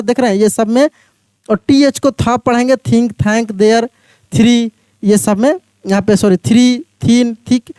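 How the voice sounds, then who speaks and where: A man teaching an English pronunciation lesson, spelling words out letter by letter and repeating each one slowly while quizzing his viewers. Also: high voice, a little mellow, no room sound, studio quality.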